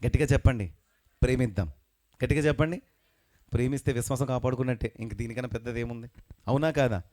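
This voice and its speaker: A male pastor preaching a sermon with emphasis, calling on the congregation to answer back and reading scripture slowly. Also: medium pitch, a little mellow. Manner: emphatic preaching with call-and-response; slows and lifts voice when reading scripture. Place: religious meeting.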